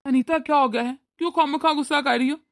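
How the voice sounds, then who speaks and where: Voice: high voice, steady tone, fast talker, no room sound, studio quality. A voice actor playing a weary cartoon father-in-law. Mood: soothing. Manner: pleading, soothing. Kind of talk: cartoon voice acting.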